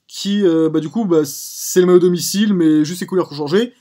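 A man's voice: high voice, a little fast, warm tone. A man hosting a live stream, chatting casually and drifting into digressions. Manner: rambling, prone to digressions. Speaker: streamer host.

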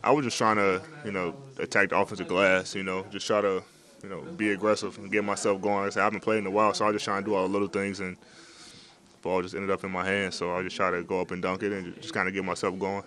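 Low steady voice, young guy after a game, relaxed answers into a bunch of reporter mics, lots of ums. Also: fast talker. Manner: laid-back, many fillers and restarts. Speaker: basketball player at postgame interview. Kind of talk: postgame press interview. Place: locker room. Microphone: several handheld reporter mics.

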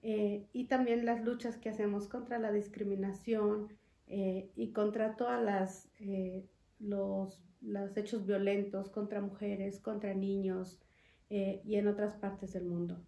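In an echoey studio room lined with wood panels and glass, a young woman from Chiapas, Mexico, sits at a desk mic on a stand as an interview guest representing a foundation. She's earnest and measured, using frequent fillers, with a mellow, medium-pitched voice and flat delivery in this conversational exchange.

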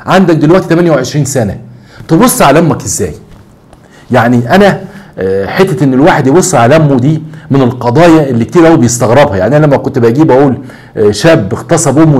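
A man's voice: on the high side, darkish tone. A man with an Egyptian Arabic accent hosting a talk show, telling a social case as a monologue. He fires off rhetorical questions and hammers his points through repetition.

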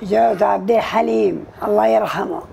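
A woman's voice: mid-range voice, a little fast, warm tone, slight background noise. A woman, giving short, plain answers in a filmed interview indoors. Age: 90s. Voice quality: gravelly, aged voice. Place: indoors against a plain wall.

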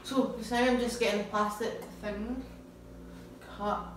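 A woman's voice: mid-range voice, steady tone, measured pace. A young adult woman chatting casually and informally to her vlog viewers, rambling and asking herself questions as she goes. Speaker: vlogger. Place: indoor rooms, echoing. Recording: echoey room with loud background noise.

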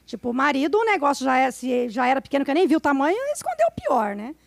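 A woman from Brazil, a podcast guest, telling frank, animated stories in casual conversation. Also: sits high, fast, gravelly, dry recording. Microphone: studio podcast mic.

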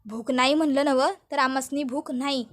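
Woman playing a stubborn village mom refusing to eat, curt country talk, high voice. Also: steady tone, moderate pace, natural voice. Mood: stubborn, firm. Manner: rural dialect, curt and firm. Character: proud stubborn village mother, fasting, unbending.

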